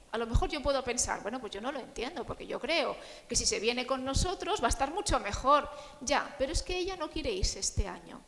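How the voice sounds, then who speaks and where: A woman's voice: on the high side, vocal fry, slight background noise. A woman grief counselor gives a conversational talk to an audience, often checking in with "¿no?" and acting out the things people say. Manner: warm, conversational, often asks the audience "¿no?" and "¿vale?"; acts out the quoted voices of friends and grieving people. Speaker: grief counselor speaking at a panel. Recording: echoey hall recording.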